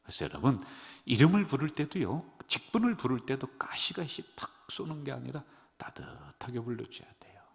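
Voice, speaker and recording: A middle-aged man preaching as a pastor, animated, leading his congregation in call-and-response. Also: mid-range voice, normal speed, vocal fry. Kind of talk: sermon. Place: church sanctuary. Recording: long church-hall reverb.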